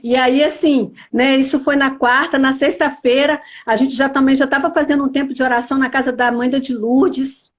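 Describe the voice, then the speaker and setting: With hardly any pauses, a church member gives her religious testimony, speaking earnestly in Brazilian Portuguese with an Espírito Santo accent and using many small fillers like "né, assim." Her voice is high-pitched and steady, at a moderate pace.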